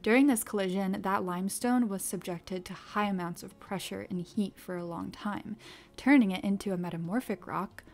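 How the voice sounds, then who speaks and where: A woman hosting a geology video, giving clear, upbeat scripted science narration. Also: medium pitch, normal speed, darkish tone. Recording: background music under voice-over. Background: background music.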